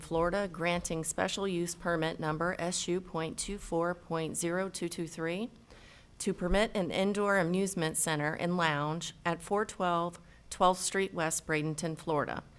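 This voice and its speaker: A woman's voice: fairly low pitch, fairly even intonation, moderate pace. A woman working as city clerk, formally reading agenda items and legal text at a meeting. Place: council meeting room.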